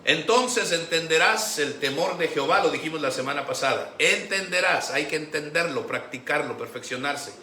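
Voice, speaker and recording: A man preaching a Sunday sermon as pastor, animated, acting out the voices he quotes. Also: fairly high pitch, normal speed, few pauses. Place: church sanctuary. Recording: echoey church room with faint background noise.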